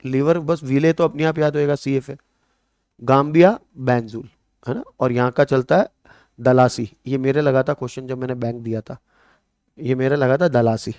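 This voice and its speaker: Male exam-coaching teacher, Marwari-tinged Hindi accent, mid pitch, dry close sound, keeps asking and answering his own questions. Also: normal speed, no echo. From Rajasthan, India. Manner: lively, repeats questions to students and answers them. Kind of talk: classroom lecture with memory tricks.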